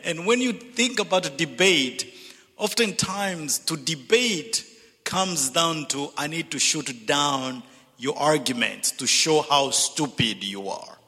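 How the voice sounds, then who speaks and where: Slow, bright-voiced Zambian-born man in a church. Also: a little high. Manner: earnest, deliberate, repeats words when building a point. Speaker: speaker at a church reconciliation event. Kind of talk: reflective speech to an audience. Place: large church sanctuary. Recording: long hall reverb.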